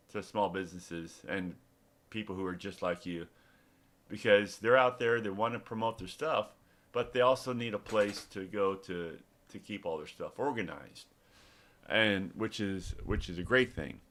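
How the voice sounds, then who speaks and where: A man's voice: lowish voice, moderate pace, fairly bright tone. A middle-aged man, a developer and small business owner, talking casually in a rambling live demo with many restarts and fillers. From Texas.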